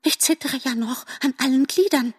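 A woman voicing a small, excitable squirrel in a storybook, talking in breathless exclamations. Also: high voice, normal speed, husky, big-room sound, pitched above the performer's own voice. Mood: agitated.

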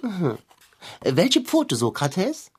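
A woman's voice: on the low side, huge pitch swings, very slow, noisy background, full character voice. A woman voicing a vain, fussy male house cat in a cartoon who talks in stilted, old-fashioned formal phrases. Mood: haughty. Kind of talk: cartoon voice acting.

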